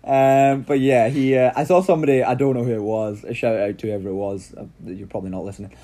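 A man with a Scottish accent chatting casually as a sports podcast host, excitable and rambling, often repeating and restarting his phrases. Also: mid-range voice, quick pace.

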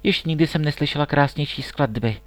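A man's voice: fairly high pitch, no echo, lightly acted. A man voicing a haughty, spoiled young princess in a storybook reading, imperious and raising his voice. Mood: indignant.

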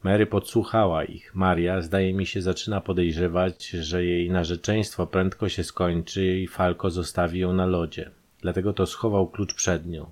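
A man's voice: low-pitched, a little mellow. A man voicing a calculating, ironic male thief in an audiobook, speaking with raised, eager intensity. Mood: conspiratorial.

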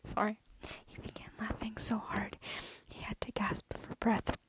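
A storyteller reading a dark horror story aloud in a steady, hushed whisper. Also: medium pitch, moderate pace.

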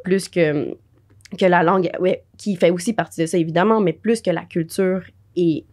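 A woman's voice: lowish voice, steady tone, moderate pace, darkish tone. A woman with a Quebec French accent, co-hosting a podcast and speaking hesitantly with many restarts and fillers. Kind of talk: casual conversation.

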